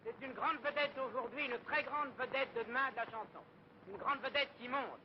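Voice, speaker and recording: A man's very high, thin voice introduces a singer with showman-like emphasis, heard through an old archive radio broadcast. The sound is dull and lo-fi, set back from the mic with a faint hiss behind it. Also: normal speed. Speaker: radio announcer. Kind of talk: old-time radio presentation.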